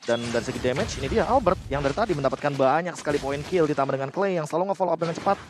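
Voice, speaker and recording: A man's voice: fairly high pitch, expressive, very fast. A man with an Indonesian accent giving live analysis as a commentator on an esports match. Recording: noisy live broadcast ambience.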